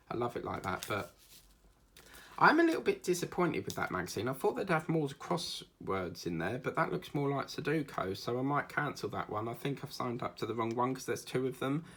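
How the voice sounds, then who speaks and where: Here the diamond painting vlogger, an Essex man, rambles chattily about his day over a craft project for his channel, fillers scattered throughout. His voice is on the low side, slightly rough and a bit bright, with vocal fry.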